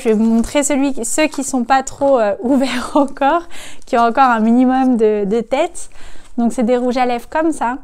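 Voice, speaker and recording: A woman's voice: on the high side, a little mellow, clear, resonant tone. Bubbly woman reviewing budget beauty finds. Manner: chatty and enthusiastic, many fillers. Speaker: beauty vlogger. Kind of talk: casual product review.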